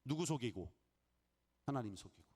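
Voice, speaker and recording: A middle-aged male pastor giving a lively sermon, acting out inner voices and Bible characters and leading the congregation in call-and-response. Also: medium pitch, normal speed, slightly rough.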